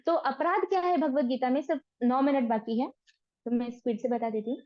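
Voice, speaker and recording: A woman's voice: sits high, fairly quick, dry recording, muffled recording. A woman teaching a devotional course in with in, explaining earnestly and asking and answering her own questions. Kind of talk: devotional class talk.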